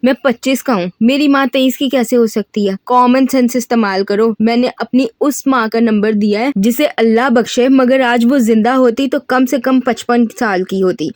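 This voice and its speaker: A woman's voice: fairly high pitch, a little mellow, no room sound, studio quality, lightly acted. A woman voicing a cheeky young male student. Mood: scheming. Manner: boastful, joking, rapid storytelling. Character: cheeky 25-year-old male student, mischievous. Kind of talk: audiobook reading of a novel.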